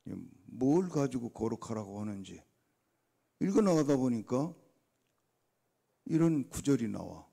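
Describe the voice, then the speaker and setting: A man's voice: medium pitch, big pitch swings, a little slow, creaky, long pauses, mellow, breathy edge. An older man preaching a dawn revival sermon, telling stories and acting out his own conversations with God. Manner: storytelling, acts out his talks with God. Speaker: guest preacher.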